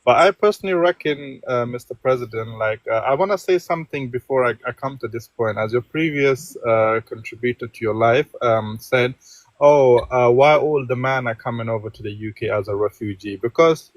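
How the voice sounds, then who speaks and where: A man from Afghanistan calls in to a live stream with a long opinion. He rambles and fills his pauses with uh and um. The recording is dry and close. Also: medium pitch, no room sound, rough recording. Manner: rambling, many fillers and restarts. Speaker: caller.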